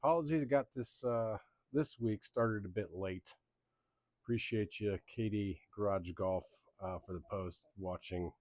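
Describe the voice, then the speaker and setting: A man's voice: lowish voice, unhurried, darkish tone, no echo. A man who grew up in Belgium and Germany, hosting a casual sports league recap in an easygoing, rambling way with many ums. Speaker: league host.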